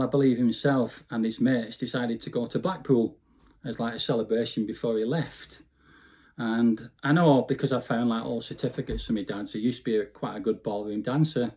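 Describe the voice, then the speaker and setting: A man in his fifties from Bolton, Lancashire, England, speaks in a mid-range voice with a dark tone. As an interview guest, he reminisces in a chatty, informal way, often tagging on "you know."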